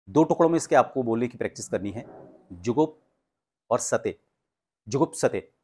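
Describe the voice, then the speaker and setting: A man giving a pronunciation lesson, explaining patiently and reading practice sentences slowly and with emphasis. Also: medium pitch. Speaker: speech coach.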